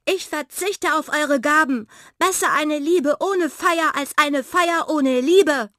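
A woman voicing a smitten young female cat who talks in high, breathless gushes. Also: slow pace, a bit bright, no room sound, clean studio sound. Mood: lovestruck.

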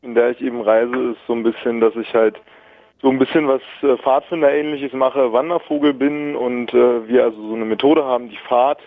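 Young male caller, phone-line audio, gravelly voice, chatty and rambling. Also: mid-range voice, fairly even intonation, a little fast, no room sound. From Berlin, Germany. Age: 20s. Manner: rambling, many fillers and restarts, easy laughs. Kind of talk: casual phone-in chat. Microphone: telephone. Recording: tinny phone line, dry.

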